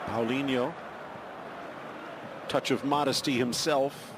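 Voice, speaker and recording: A man's voice: mid-range voice, fairly even intonation, slow pace. A man doing live play-by-play commentary on a football match. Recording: loud stadium noise behind. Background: football stadium crowd.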